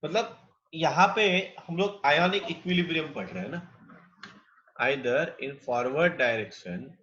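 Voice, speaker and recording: Male chemistry teacher, bright voice, drawn-out dictation, dull lo-fi audio. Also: on the high side, animated. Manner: dictates slowly, repeating each phrase; mixes Hindi and English. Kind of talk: lecture with slow dictation.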